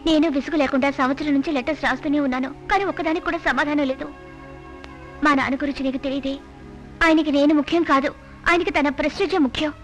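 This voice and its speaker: A worried young wife in a film drama, voiced by a woman. She speaks high and fast with an anxious, pleading tone. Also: steady tone, soft background music, natural voice. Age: young adult. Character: worried young wife estranged from her father. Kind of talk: dubbed film acting.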